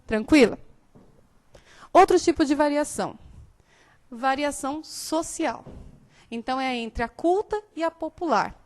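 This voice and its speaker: A woman teacher from São Paulo state with a São Paulo Portuguese accent softened by years in the south, giving a live classroom lecture and often checking that students understand. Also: sits high, measured pace, pauses often. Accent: São Paulo Portuguese, softened by years in southern Brazil. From São Paulo state, Brazil.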